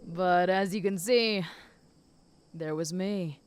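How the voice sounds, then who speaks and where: A woman voicing a flirty, possessive and protective female werewolf in an intimate audio role-play, speaking teasingly to the listener in a smooth voice. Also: fairly low pitch, slow. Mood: calm, teasing. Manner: flirty, teasing, with soft chuckles.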